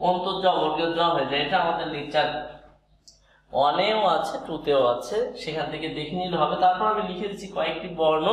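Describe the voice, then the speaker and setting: A man's voice: a little high, slight background noise. A man teaching pronunciation, explaining each step methodically and repeating examples. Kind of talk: pronunciation lesson. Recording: very echoey room.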